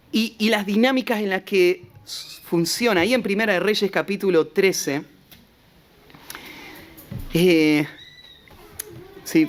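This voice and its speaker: A man with a Rioplatense Argentine accent, preaching an expository sermon as pastor, retelling scripture with rhetorical asides and often repeating short words. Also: high voice. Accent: Rioplatense Argentine Spanish.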